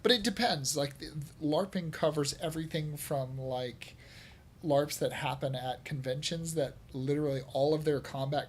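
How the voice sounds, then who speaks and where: A man of middle pitch talking loosely on a gaming show, stringing thoughts together with lots of fillers. His tone is easygoing and he laughs freely. A faint noise hums behind him. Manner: rambling, many fillers, laughs often. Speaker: podcast host. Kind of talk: casual chat.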